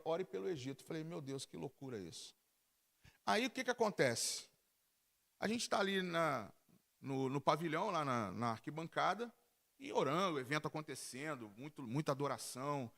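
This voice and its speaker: Gravelly Brazilian pastor telling a testimony. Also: male voice, a little high. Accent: Brazilian Portuguese. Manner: animated storytelling with frequent halting restarts. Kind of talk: sermon testimony told as a story. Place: church service.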